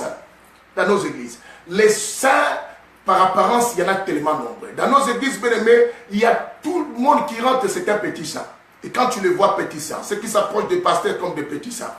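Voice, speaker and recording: A man preaching a sermon as a bishop, emphatic and often shouting, calling his listeners beloved over and over. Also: high-pitched, very animated, moderate pace. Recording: echoey hall, voice from a distance.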